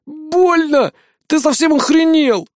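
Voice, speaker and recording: A man's voice: high voice, sing-song, normal speed, no echo, studio quality, pitched above the performer's own voice. A man doing a whiny hot-headed teenage boy. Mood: whining. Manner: whiny, shouting. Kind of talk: audiobook character voice.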